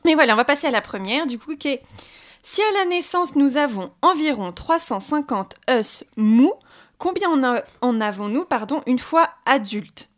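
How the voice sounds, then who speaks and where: High-voiced woman presenting a radio quiz. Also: animated, normal speed, fairly bright tone. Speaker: radio co-host running the quiz.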